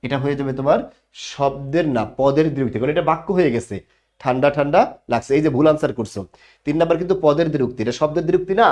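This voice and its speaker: Casting note: male teacher, explanatory, pitch a touch high. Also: racing, darkish tone. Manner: explanatory, asks questions and answers them himself. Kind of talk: online class lecture.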